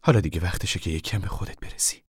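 A man voicing a brisk, firm mother of a poor family who gives stern orders in an audiobook reading. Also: sits low, husky, no echo, studio quality. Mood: firm, bossy. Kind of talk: audiobook character voice.

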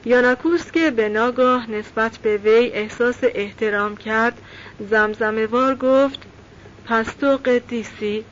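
A woman reads a novel aloud at a steady, measured pace. Her voice sits a little high. The recording is slightly muffled, and a faint hiss runs underneath. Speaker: audiobook narrator. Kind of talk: audiobook narration.

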